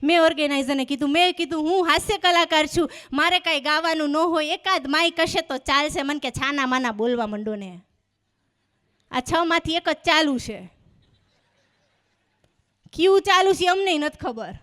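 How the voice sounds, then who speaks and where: A woman's voice: very high-pitched, moderate pace. A woman comedian with a Gujarati accent, telling funny stories on a live stage and acting out the dialogue. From Gujarat, India. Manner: lively storytelling with voiced dialogue. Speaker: stand-up comedian. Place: live stage before an audience.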